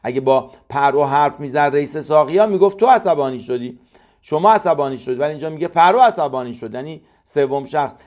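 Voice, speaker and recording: A man giving a verse-by-verse Torah commentary lesson, reading Hebrew lines and explaining them slowly. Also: mid-range voice, a little mellow. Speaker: Torah teacher.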